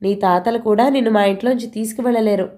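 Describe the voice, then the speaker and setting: A woman voicing a sharp-tongued young sister-in-law who taunts and scorns in a storybook reading. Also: a little high, fairly even intonation, quick pace, lightly acted. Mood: taunting.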